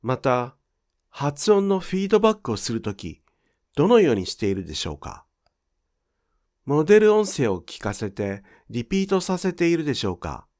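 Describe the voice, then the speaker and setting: Man explaining in a lively voice. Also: fairly high pitch. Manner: clear, measured explanatory delivery. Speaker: Japanese pronunciation teacher. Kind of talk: scripted instructional narration.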